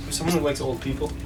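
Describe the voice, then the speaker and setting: A young man co-hosting a casual comedy chat, rambling and laughing often. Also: a little high. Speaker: co-host. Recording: distant mic with music.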